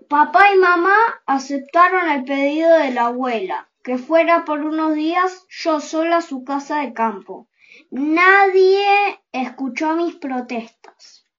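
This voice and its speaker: A reader telling a children's story aloud, with gentle and unhurried storytelling. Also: sits high, muffled recording. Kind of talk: slow storybook reading aloud.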